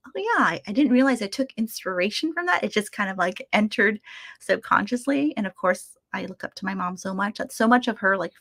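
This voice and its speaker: A Vietnamese American woman from the United States, the guest artist in a casual webinar, speaks reflectively over a video call with many fillers and restarts. Her mid-range voice has a fairly bright tone, and the recording is dry with clean studio sound.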